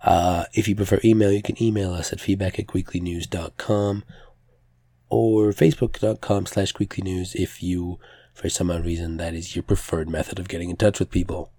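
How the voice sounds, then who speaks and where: A man's voice: deep voice, level tone, normal speed, warm tone, no room sound. A man hosting a podcast solo with casual news commentary, hesitant and self-correcting, in a slightly strained, pressed voice. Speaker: podcast host.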